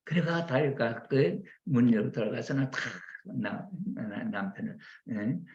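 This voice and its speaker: A man preaching to his congregation, often acting out lively family dialogue as examples. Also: mid-range voice, measured pace, lo-fi sound. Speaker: church minister. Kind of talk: sermon commenting on members' reports.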